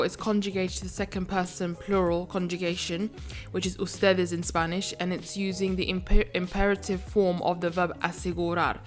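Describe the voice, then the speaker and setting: A woman teaching a language video lesson. She explains phrases methodically and breaks them down step by step. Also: fairly low pitch.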